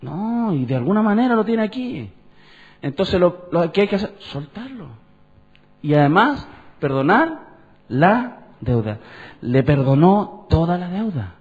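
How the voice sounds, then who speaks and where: Male pastor, high, animated, questioning sermon, dull lo-fi sound. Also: a little slow. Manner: conversational preaching, asks the congregation questions. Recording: dull lo-fi church recording.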